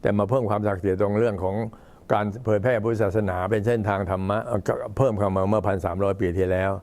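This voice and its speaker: Older male monk, low-pitched old man's voice, halting and unhurried, informally recounting temple history. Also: steady tone, a little mellow. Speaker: Buddhist monk addressing temple visitors.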